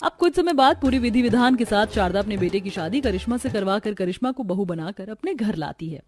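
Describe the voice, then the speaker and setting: A woman narrating a scripted animated family story in an expressive way. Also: mid-range voice, a little fast, slight background noise.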